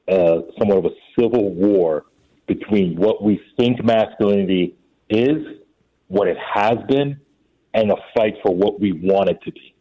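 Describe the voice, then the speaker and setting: A man calling in as a guest commentator, effusive about the questions, his voice muffled and gurgly as if underwater. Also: on the low side. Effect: muffled, gurgly line that sounds underwater. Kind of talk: radio talk show interview. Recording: dull lo-fi remote line.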